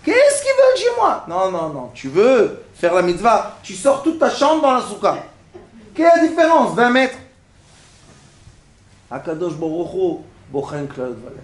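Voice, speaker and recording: Animated preaching man in an echoey room. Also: high-pitched, unhurried. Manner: animated, acts out everyday scenes with questions to the audience. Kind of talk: sermon.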